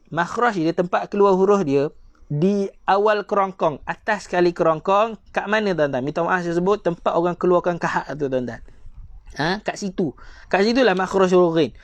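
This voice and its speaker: A man with a Malaysian Malay accent teaches Quran recitation in a live-streamed lesson, politely addressing his viewers and drawing out letter sounds to demonstrate them. His voice is high-pitched, and the audio has no echo but the highs are cut off.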